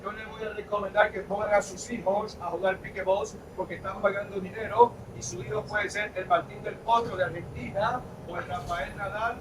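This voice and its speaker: Dominican guy giving a walking tour outside, kinda high voice, asks the group stuff, bit of street noise. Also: moderate pace, hardly any pauses. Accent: Dominican Spanish. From Dominican Republic. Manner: lively, quizzes the group with questions. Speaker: tour guide. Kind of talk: guided walking tour talk. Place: outdoors in a city.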